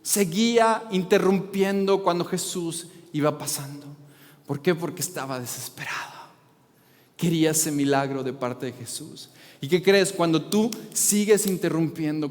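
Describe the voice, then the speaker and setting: A man preaching a sermon as pastor, impassioned and rising to shouts when he pleads, with frequent rhetorical questions to the congregation. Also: on the high side. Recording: reverberant hall with faint music.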